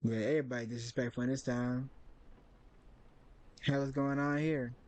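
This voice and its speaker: A man giving casual commentary on a story game, reacting loudly and with slang. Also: fairly even intonation, moderate pace. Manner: loud slangy reactions, jumps up in pitch when outraged. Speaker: gaming video creator. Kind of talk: casual let's-play commentary.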